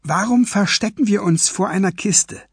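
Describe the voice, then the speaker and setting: A man voicing a sarcastic teenage girl who is a sorceress, with dry, teasing retorts in a husky voice. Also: high-pitched, normal speed, no echo, voice pushed up. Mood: wry.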